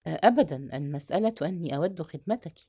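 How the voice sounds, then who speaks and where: A woman voicing an anxious, earnest young man, speaking in a hushed and hesitant way in a storybook reading. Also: low-pitched, animated, fast talker, breathy edge, full character voice. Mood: uneasy.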